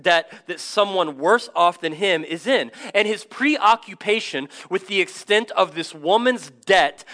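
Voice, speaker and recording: A man in his thirties delivers a sermon in an energetic, conversational way, slipping into asides and self-deprecating stories. His voice sits a little high and sounds bright and forceful. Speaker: pastor.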